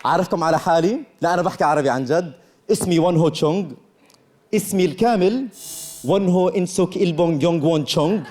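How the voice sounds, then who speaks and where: A high-voiced man with a Levantine Arabic accent does stand-up, teasing the audience deadpan. A clear crowd and steady noise sit under his stage mic. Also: quick pace. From Jordan. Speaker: stand-up comedian guest.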